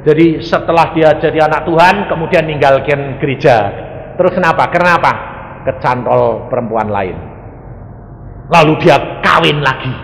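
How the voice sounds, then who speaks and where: A man preaching a sermon, telling stories and acting out the people in them with sudden shouts. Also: fairly high pitch, moderate pace, gravelly. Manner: animated, acts out quoted voices, sudden shouts. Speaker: evangelist preacher. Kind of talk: sermon with storytelling. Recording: echoey hall with faint noise.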